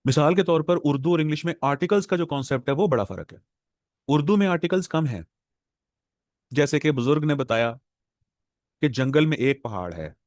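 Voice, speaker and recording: A man's voice: on the high side, expressive, darkish tone, dry recording, clean studio sound. Pakistani man teaching a class. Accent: Pakistani Urdu. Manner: explanatory, repeats words slowly to drill pronunciation. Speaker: English professor lecturing exam aspirants. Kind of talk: classroom lecture.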